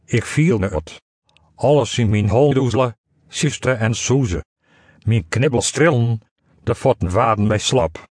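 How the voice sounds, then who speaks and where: A man reading a first-person story aloud in a calm, measured way. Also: mid-range voice, slightly rough, no echo, studio quality. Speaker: narrator.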